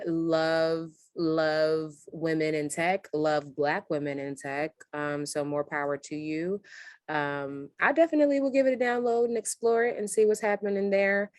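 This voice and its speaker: A woman co-hosting a casual podcast chat, talking in a playful, animated, opinionated way. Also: lowish voice, no room sound, studio quality. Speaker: podcast co-host.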